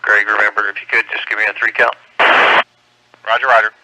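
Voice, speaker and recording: A man's voice: on the low side, completely flat delivery, very fast, heavy background noise. An American man working as an amateur radio net controller, giving terse, procedural emergency updates in clipped phrases over a two-way radio. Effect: two-way radio transmission. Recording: amateur radio transmission, dry.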